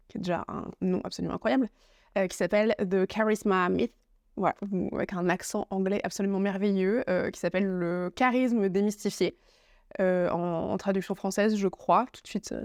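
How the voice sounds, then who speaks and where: A woman's voice: medium pitch, a little mellow, no echo. Chatty French woman, dry close sound. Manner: chatty, many fillers and restarts, playful asides. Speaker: YouTuber presenting a book review. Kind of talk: casual talking-to-camera vlog. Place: home office with bookshelf, indoors. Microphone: camera facing her, laptop notes in front.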